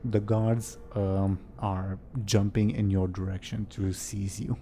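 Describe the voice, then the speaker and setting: A man narrating as game master of a tabletop game, in a relaxed, hesitant way with fillers. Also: on the low side, slow pace, slight background noise.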